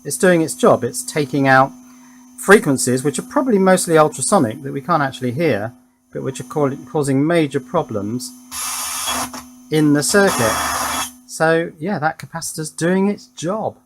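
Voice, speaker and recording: Chatting through a hands-on electronics demo, the workshop video host thinks aloud and keeps asking himself small questions. He sounds a little high and expressive at normal speed, with background noise present.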